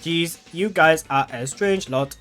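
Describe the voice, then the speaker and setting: Stiff, drawn-out robot voice for a hulking robot team manager in a game, as a man reading the game aloud puts it on. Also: fairly high pitch, a bit bright, soft background music. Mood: stiff robotic. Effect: slow put-on robot voice. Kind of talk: let's play dialogue reading.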